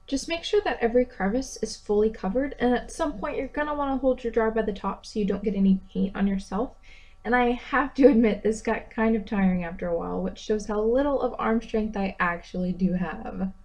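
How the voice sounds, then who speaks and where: A woman's voice: a little high, a little fast, a little mellow. Chatty, upbeat young woman vlogger. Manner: chatty and upbeat, self-deprecating asides. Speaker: DIY vlogger. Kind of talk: casual tutorial voice-over.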